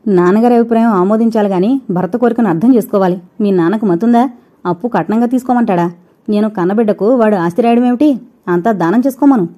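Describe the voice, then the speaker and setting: A woman voicing an angry, domineering young husband who shouts and scolds. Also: medium pitch, steady tone, quick pace, close to an everyday voice. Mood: angry shouting.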